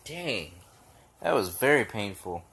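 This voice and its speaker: Playing with a puppy, this vlogger chats casually, cursing without restraint and tossing out animated, playfully overblown exclamations. The mid-range voice moves slowly and has a slightly rough quality.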